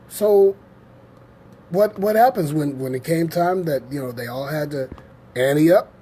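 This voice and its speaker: A man's voice: on the high side, a little mellow, slight background noise. A man hosting a casual scripture teaching show, rambling and emphatic, often repeating his points.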